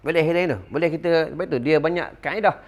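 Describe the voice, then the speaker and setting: A middle-aged Malaysian man giving a religious lecture to an audience, telling stories with lively call-and-response asides. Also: fairly high pitch, brisk. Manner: animated storytelling with call-and-response fillers. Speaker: religious teacher.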